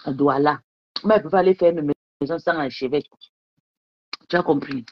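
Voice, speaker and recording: A woman's voice: low voice, fairly quick, no room sound, muffled recording. Boastful woman ranting on a live stream. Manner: boastful and combative, taunting rivals; rambling with repeated questions to viewers. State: drinking wine while talking. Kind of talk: casual live-stream rant. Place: her bedroom at home.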